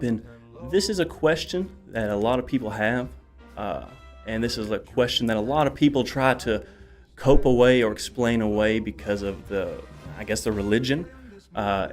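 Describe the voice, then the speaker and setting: Male talk show host, breathless and coughing, energetic rambler, soft music under. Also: mid-range voice. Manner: energetic, rambling, many fillers and exclamations. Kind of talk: casual solo talk show monologue.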